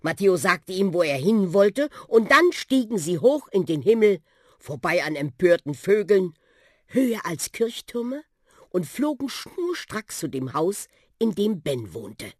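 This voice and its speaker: Children's audiobook narrator, expressive, animated pitch, dry studio sound. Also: unhurried, no echo. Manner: expressive, lively storytelling.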